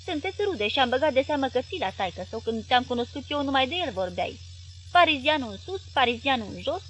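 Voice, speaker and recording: A woman's voice: high voice, very animated, fairly bright tone, faint music behind, pitched above the performer's own voice. A woman reading aloud, voicing a sweet-voiced wife who coaxes and pleads with her husband. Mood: coaxing, pleading.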